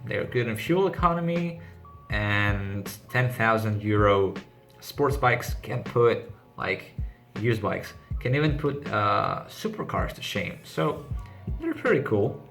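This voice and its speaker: Fairly low in pitch yet lively in intonation, a Greek-accented car channel host speaks slowly, with vocal fry and a fairly bright tone. In his casual vlog, set to background music, he reads each question and answers briefly and matter-of-factly.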